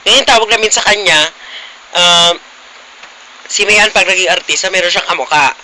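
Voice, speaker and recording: A man's voice: sits high, normal speed, pushed and bright, a little hiss or hum, low-quality recording. A young man vlogging casually, teasing his friends playfully with frequent giggles. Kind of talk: casual vlog chat.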